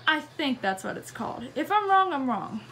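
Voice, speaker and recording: A woman's voice: high voice, sing-song, normal speed, bright, forceful tone. A young woman giving a casual, giggly, self-deprecating house tour, talking into a handheld phone as she walks through a cluttered home at night. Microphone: phone camera held by the walker. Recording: noisy home recording.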